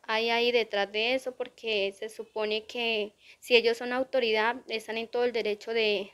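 A woman's voice: a little high, flat delivery, moderate pace, a bit bright. A woman interviewed outdoors for a local news report, telling indignantly how her home was burgled. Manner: indignant, repetitive complaint. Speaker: burglary victim. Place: outdoors near a drainage channel.

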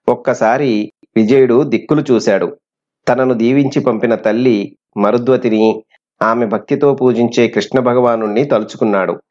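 A man's voice: medium pitch, a little mellow. A man narrating a folk tale audiobook in a dramatic storytelling manner, also voicing the characters. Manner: dramatic, voices the characters' lines. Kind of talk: storybook narration with acted dialogue. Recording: dull lo-fi recording.

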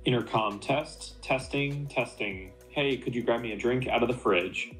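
A tech reviewer's voice heard played back through a smart speaker intercom, saying flat repeated test phrases. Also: male voice, mid-range voice, normal speed, soft background music, rough recording.

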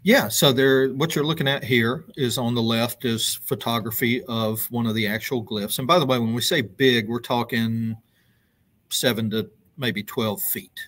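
A middle-aged man, a news reporter, explaining things over a video call in a loose, halting way with many ums and restarts. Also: mid-range voice, steady tone, fairly bright tone. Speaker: news reporter interviewed as guest. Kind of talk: conversational explanation on a live web show. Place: indoor room with brick wall. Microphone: video call webcam.

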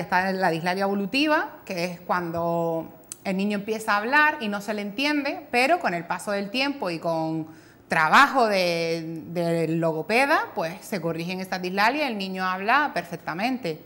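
A woman with a Canary Islands Spanish accent, a speech therapist explaining disorders in a patient, clear way on a talk show, sometimes imitating children's mispronunciations. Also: mid-range voice, animated, moderate pace, fairly bright tone.

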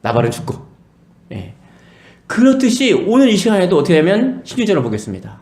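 A man's voice: sits high, huge pitch swings, quick pace, creaky, darkish tone. A male pastor preaching a sermon, telling a Bible story and acting out the voices of its figures. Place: church sanctuary. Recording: echoey church hall.

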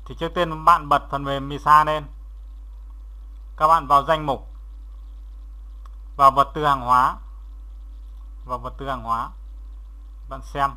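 A man acting as an instructor talks through a software tutorial step by step, halting as he goes and repeating each step. His voice is mid-range with a steady tone.

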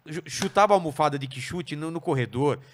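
A man hosting a casual podcast chat, jumping in with quick, eager remarks. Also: a little high.

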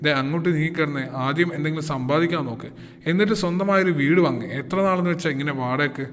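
A man reading a sharp-tongued scolding wife. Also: a little high, quick pace, big-room sound, natural voice. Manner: scolding, tart.

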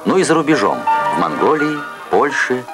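A man narrates an old Soviet documentary newsreel with formal, measured announcer delivery. His pitch moves a lot as he stresses each phrase. Loud music plays under his voice. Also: big pitch swings. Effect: old newsreel soundtrack.

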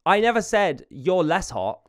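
A man's voice: high voice, big pitch swings, measured pace. A man co-hosting a podcast, arguing insistently and teasingly, often talking over his partner. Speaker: podcast co-host. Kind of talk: casual debate.

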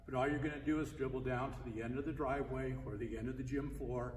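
Heard from far off on a camera mic, an older man demonstrates basketball drills in a large, echoey indoor gym, speaking quickly in a mid-range voice with fairly even intonation. He keeps his coaching plain and repeats himself, often lifting his voice while dribbling, over slight background noise and the thump of a basketball.

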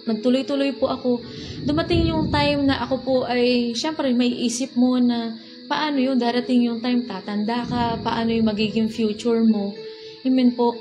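A woman's voice: fairly high pitch, rough recording. A woman preaching a sermon as a church worker, earnest and reassuring, repeating comforting lines and mixing in English phrases. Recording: music playing underneath. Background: soft music.

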